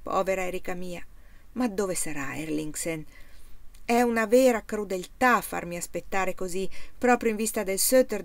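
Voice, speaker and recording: Earnest, devoted young farmhand, read by a woman in a storybook, mid-pitched, dry. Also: no room sound, close to an everyday voice. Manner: musing, heartfelt inner monologue. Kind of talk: audiobook reading.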